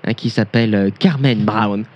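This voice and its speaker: A man's voice: fairly low pitch, moderate pace, highs cut off. Mock-solemn man reading with hesitations. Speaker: co-host reading a mock news segment. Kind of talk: comic radio parody.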